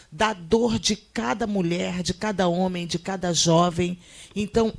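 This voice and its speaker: Gravelly-voiced woman hosting. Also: medium pitch, darkish tone. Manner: frequent affirming interjections. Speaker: show host, missionary.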